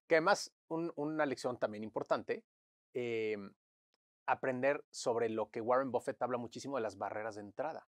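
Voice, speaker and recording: A man, a guest in an interview, telling stories in a lively way and acting out what others said to him. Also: medium pitch, dry recording, studio quality. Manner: animated storyteller, acts out quotes. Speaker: interview guest, crisis management consultant. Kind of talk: conversational interview.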